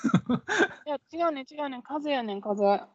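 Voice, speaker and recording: Female podcast co-host, Kansai accent, fairly high voice, casual chat, dry but slightly dull recording. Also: expressive, moderate pace, a little mellow, dry recording. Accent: Kansai Japanese. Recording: dull, lo-fi audio.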